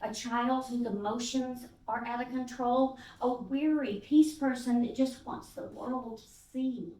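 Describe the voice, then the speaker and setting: In a church sanctuary, recorded from a distance with a roomy sound, an older Texan guest speaker delivers a sermon built on stories. Unhurried and on the high side, she uses fillers and acts out people's voices with animation.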